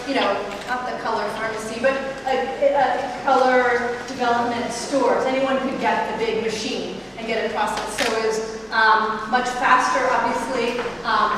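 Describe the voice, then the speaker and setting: A chatty curator in her thirties leads a guided tour through a large indoor gallery room, walking and gesturing as she talks with many ums and restarts. Her fairly high voice comes through a handheld mic and loudspeaker, caught by a distant camera. The gallery is echoey and noisy, with her sounding far off.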